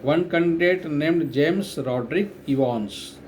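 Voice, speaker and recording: A man's voice: fairly high pitch, measured pace, a little mellow, a little hiss or hum, poor audio. A male teacher giving a dictation lesson, repeating each phrase and spelling words out letter by letter.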